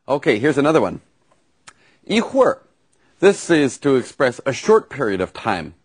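A man's voice: medium pitch, sing-song, normal speed, slightly rough. A man teaching vocabulary and grammar in a lesson, explaining patiently with examples. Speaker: language teacher.

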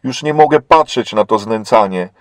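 A man voicing a bold young woman prisoner who pleads urgently and indignantly, raising his voice higher and louder. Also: lively intonation, normal speed, no echo, lightly acted.

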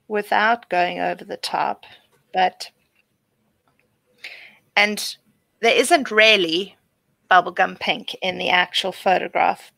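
A woman, relaxed and explanatory, giving a live painting demo over a video call. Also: mid-range voice, vocal fry, no echo. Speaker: guest artist. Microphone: computer microphone on a video call.

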